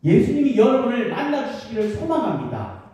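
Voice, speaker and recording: A woman preaches a children's sermon with a mellow, warm tone, gently asking her young listeners questions. Her voice carries from some distance across a church sanctuary. The big hall gives every word a long, echoing tail. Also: on the high side, sing-song, a little fast. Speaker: children's pastor. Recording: echoey church hall from far off.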